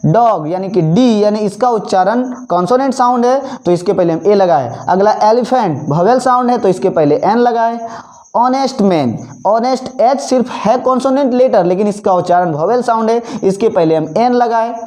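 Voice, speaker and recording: A man teaching an English grammar lesson, repeating each example word slowly and asking questions that he then answers himself. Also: high voice, lively intonation, darkish tone. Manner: asks the class questions and answers them himself. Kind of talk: classroom-style grammar lesson.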